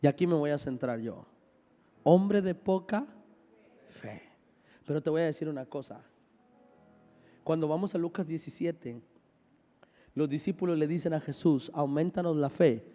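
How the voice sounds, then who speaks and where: A man's voice: a little high, moderate pace, long pauses, mellow. A man pastor preaching a sermon, leading the congregation in call-and-response with joking asides, sounding a bit unwell. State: unwell, says he is sick. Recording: long hall reverb.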